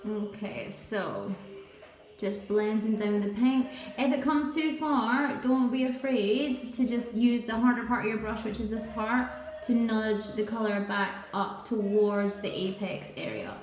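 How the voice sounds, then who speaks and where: A woman's voice: fairly high pitch, unhurried, darkish tone, reverberant, soft background music. A woman nail technician giving a chatty live tutorial, quizzing and teasing her viewers.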